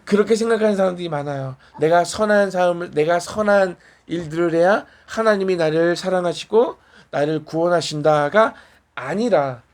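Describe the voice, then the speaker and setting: In a small church, a man preaches in a conversational way, putting questions to the congregation and answering back. His voice is high and his pace moderate.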